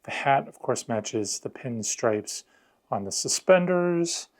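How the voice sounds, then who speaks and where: A man's voice: medium pitch, lively intonation, takes it slowly. A man narrating a hands-on unboxing and review in a casual, conversational, explanatory way. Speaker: product reviewer.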